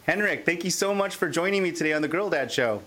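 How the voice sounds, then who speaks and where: A man's voice: fairly high pitch, animated, fast, pushed and bright. A man hosting a parenting podcast, chatting eagerly with his guest in a casual interview. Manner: enthusiastic, chatty with fillers. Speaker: podcast host.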